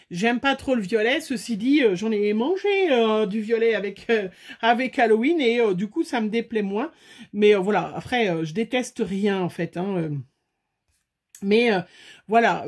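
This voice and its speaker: A woman's voice: fairly high pitch, a little mellow. A woman hosting a casual crafting tutorial, chatty and full of fillers, talking straight to her viewers. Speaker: craft video host.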